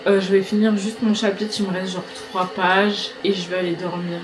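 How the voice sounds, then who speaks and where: A woman's voice: medium pitch, level tone, moderate pace, rough recording. Chatty young woman, casual book vlogger. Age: young adult. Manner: informal, slangy, chatty. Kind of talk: casual vlog chat.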